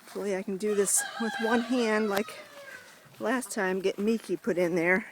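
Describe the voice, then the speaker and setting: A woman's voice: medium pitch, fairly even intonation, normal speed, noisy background. A woman from the United States chatting casually to camera outdoors at her duck pen, cooing in a sing-song voice to her ducks and a little out of breath. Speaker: vlogger. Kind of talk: casual vlog chat.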